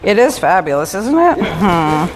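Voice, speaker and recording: A middle-aged woman hosting a casual gossip chat, telling stories with animated, exasperated quoting. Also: fairly low pitch, unhurried, a crowd in the background. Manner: animated storytelling, acts out exasperated quotes. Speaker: talk show host.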